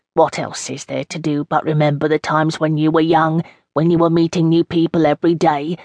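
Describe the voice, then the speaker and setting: A woman's voice: sits low, a little mellow, no echo. A woman reading an audiobook as a chatty woman in her seventies with an East End London accent, homely and rambling. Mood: wistful. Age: 70s. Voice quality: homely, rambling, dialect grammar. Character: frail chatty old East End woman, long institutionalised. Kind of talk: audiobook narration in character.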